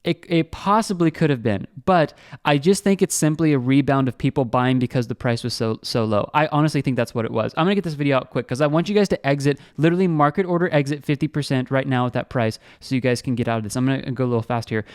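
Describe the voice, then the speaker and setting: A young man hosting a crypto trading channel, giving fast, excitable screen-share market commentary and talking straight to his viewers. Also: medium pitch, no room sound, clean studio sound.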